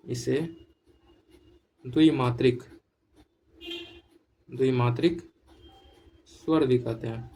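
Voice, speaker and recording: A man teaching a grammar lesson, dictating slowly and repeating each point so students can write it down. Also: medium pitch, darkish tone, slight background noise, poor audio.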